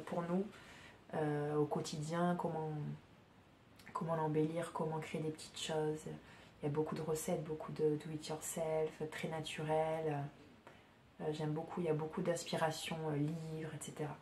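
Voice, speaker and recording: A woman chatting casually as a podcast host, her voice a little low and soft-spoken. She talks haltingly, full of fillers and restarts. The recording sounds roomy, with a faint hum behind her. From France. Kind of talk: casual chat.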